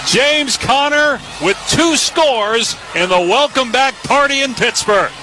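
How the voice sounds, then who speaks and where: A man doing excited radio play-by-play, shouting a football touchdown call in punchy short phrases. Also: very high-pitched, takes it slowly. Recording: noisy live stadium radio broadcast.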